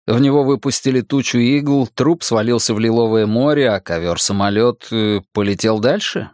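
A male audiobook narrator with a medium-pitched voice. He reads a first-person story dramatically, and the recording is close and dry. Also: moderate pace, darkish tone, no room sound.

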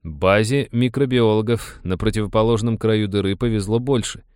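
A man narrating an audiobook in a steady, wry storytelling manner. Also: on the low side, normal speed, clear, resonant tone, dry recording, clean studio sound.

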